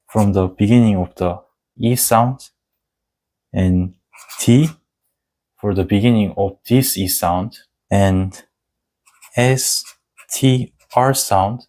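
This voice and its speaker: A man whose first language is Korean teaches an online lesson, taking his time over every word. His voice sits a little low, and he walks through the sounds one letter at a time. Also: a little mellow. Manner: slow, deliberate explaining with spelled-out letter sounds.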